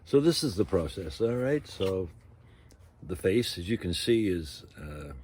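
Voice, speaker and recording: A man in his sixties with a very low voice talks through a hands-on demonstration in an informal vlog style. He explains things in an unhurried, halting manner and drifts into asides. There is clear background noise around him, as in an outdoor canopy workshop. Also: sing-song, a little mellow. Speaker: ventriloquist and puppet carver. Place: outdoor canopy tent used as carving workshop.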